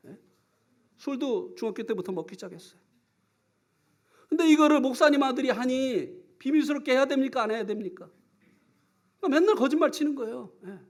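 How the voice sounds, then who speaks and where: A man preaching a sermon, telling stories with lively acted-out scenes, sudden shouts and frequent questions to the congregation. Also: very high voice, a little fast, long pauses. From South Korea. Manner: animated storytelling, acts out scenes and shouts; asks the congregation for replies often.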